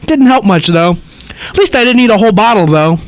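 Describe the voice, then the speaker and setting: A woman's voice: mid-range voice, animated, fairly quick, no echo, voice pushed up, close to an everyday voice. A man voicing a nosy, rambling old woman who chatters and cackles, tacking "though" onto her sentences. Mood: gossipy.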